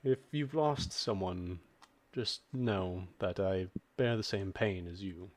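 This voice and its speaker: A man voicing a kind male lizard man who speaks slowly and carefully. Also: deep voice, no room sound. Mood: solemn.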